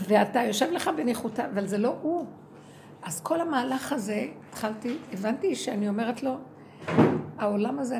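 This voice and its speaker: A woman giving an impassioned spiritual testimony. She is emotional and swings from low murmurs to loud cries, acting out inner dialogue in quoted speech. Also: slight background noise. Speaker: speaker in a religious talk.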